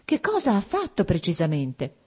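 A woman's voice: on the low side, huge pitch swings, moderate pace, warm tone, breathy edge, full character voice. A woman reading the part of a distressed married woman who pleads urgently for her friend in an audiobook. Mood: desperate.

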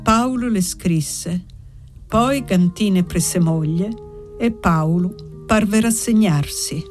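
A woman narrating a literary novel aloud in a slow, measured reading. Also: lowish voice, darkish tone, faint music behind. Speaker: audiobook narrator.

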